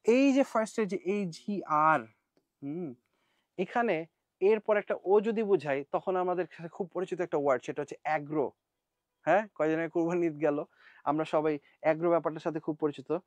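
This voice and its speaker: A man's voice: fairly high pitch, moderate pace, no echo. Man teaching an IELTS class. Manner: mixes Bengali and English, asks the class questions. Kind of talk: live online class.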